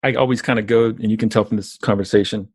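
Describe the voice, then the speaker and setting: A Southern US man, a business coach appearing as a podcast guest over a remote call, speaks fast in a fairly low, steady, husky voice. His conversational interview answers come in emphatic, repetitive run-on stretches. The studio-quality recording has no room sound.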